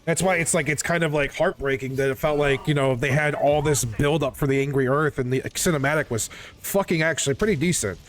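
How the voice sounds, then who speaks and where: A man's voice: a little high, fairly quick. A man in a casual gaming chat, complaining insistently and repetitively with frequent casual swearing. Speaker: video game player.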